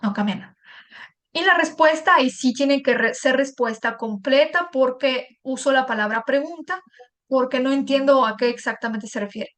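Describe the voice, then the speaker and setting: High-voiced woman teaching a patient lesson. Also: moderate pace, fairly bright tone. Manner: patient, explains step by step with short checks; repeats and translates examples. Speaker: Russian teacher. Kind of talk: online language lesson.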